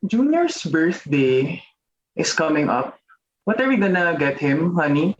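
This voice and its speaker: A man's voice: on the high side, big pitch swings, measured pace. A man performing an improvised comedy scene on stage in conversational dialogue. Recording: muffled, slightly noisy stage recording.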